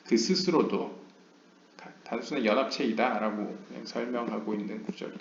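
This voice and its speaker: A man giving a lecture. He reads English passages slowly and explains them at length, with frequent hesitation fillers. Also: medium pitch, fairly even intonation, gravelly, background noise. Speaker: lecturer on Kabbalah. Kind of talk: lecture, reading text aloud and explaining. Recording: roomy, dull lo-fi home recording.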